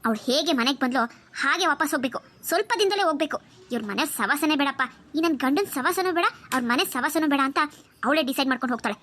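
A woman voicing a scheming older aunt and mother-in-law in a cartoon, speaking in a low, bossy, conniving way. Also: lively intonation, racing, pushed and bright. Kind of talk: Kannada cartoon voice acting.

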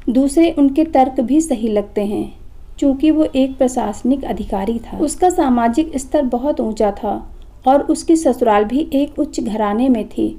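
Brief: earnest female narrator for a moral tale; warm, dark timbre, slightly high pitch. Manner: calm, earnest storytelling. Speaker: storyteller. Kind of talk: scripted story narration.

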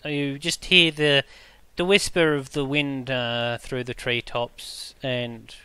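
A man narrating scenes as game master of a tabletop game, describing things with frequent pauses. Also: mid-range voice, level tone, pushed and bright, smooth, dry recording. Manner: descriptive, hesitant with fillers.

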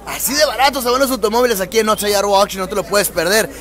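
A man's voice: high-pitched, racing, a bit bright. A man co-hosting a car auction live stream, promoting it emphatically with showman-like repeated phrases from a crowded outdoor lot.

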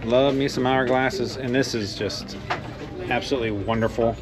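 A podcast host strolls through an indoor outlet store, casually chatting and reading out prices as he browses. His voice is medium-pitched, with fairly even intonation and a moderate pace, over loud store music.

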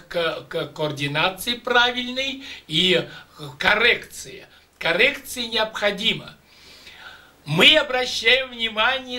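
An older Russian man teaches voice exercises to students in a small room with patterned curtains. His high voice has a sharp tone, and he speaks in an emphatic, declamatory way, slow and deliberate. A camera mic at a distance picked him up.

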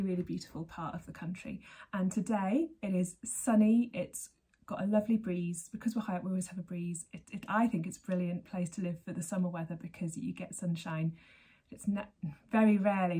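Her voice sits fairly low and holds a steady tone, brisk with few pauses, warm and slightly rough. She's a woman in her thirties from Berkshire, England, hosting a knitting podcast to camera at desk distance in her sunny living room, chatty, rambling and often laughing.

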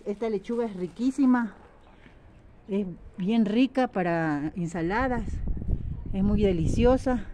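A woman with an Ecuadorian highland accent, chatting step by step as she plants vegetables in an outdoor garden, filmed on a phone. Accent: Ecuadorian highland Spanish. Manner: chatty, step-by-step, repetitive, addresses viewers as friends. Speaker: home gardening vlogger. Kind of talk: casual how-to vlog. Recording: outdoor noise, animals and traffic.

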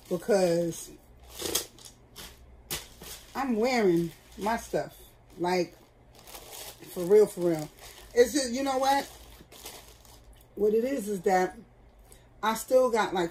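A woman's voice: medium pitch, dark tone, low-quality recording. Casting: middle-aged woman, candid home vlog chat, faint background hiss. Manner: chatty and candid, talks straight to viewers. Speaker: vlogger. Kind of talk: casual chat. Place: at home, seated indoors.

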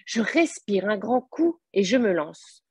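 A woman's voice: medium pitch, very animated, slow pace, a little mellow, breathy edge, no room sound. A woman from southern France introduces and reads her own autobiographical novel, earnest and a little hesitant between passages. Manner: earnest, with hesitant fillers when speaking freely. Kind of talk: introduction then literary reading.

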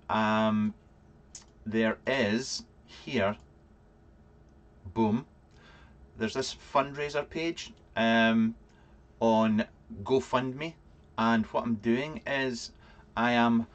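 Speaking extremely slowly with frequent pauses, this thirty-something Fife man keeps a steady, medium-pitched, slightly bright tone. He's streaming a casual vlog indoors from a cluttered little home room, wandering off on tangents and joking dryly in reply to chat.

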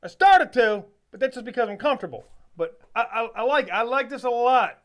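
A man hosts a music reaction channel, offering casual reaction commentary in a folksy, rambling, easygoing manner. His voice is very high-pitched and expressive, and he talks a little fast.

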